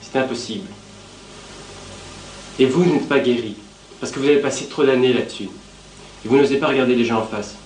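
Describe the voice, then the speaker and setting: A man of middle pitch confronts his old analyst, insistent and combative. He needles and presses his point again and again. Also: fairly even intonation, brisk, long pauses, a little mellow, a little hiss or hum, low-quality recording. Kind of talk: heated confrontation.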